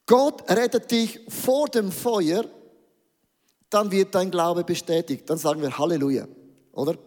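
Guy preaching real fired up, super high voice, big echoey hall, tosses in english phrases. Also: a little slow, darkish tone. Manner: emphatic, rousing, calls for the audience to answer; mixes in English catchphrases. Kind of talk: sermon. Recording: long reverb of a large hall.

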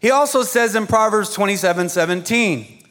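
High-voiced man preaching in a hall. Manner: energetic, coaxes the audience, pauses for translation. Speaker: pastor. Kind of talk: sermon with live interpreter. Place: large church hall. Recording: long reverb of a large hall.

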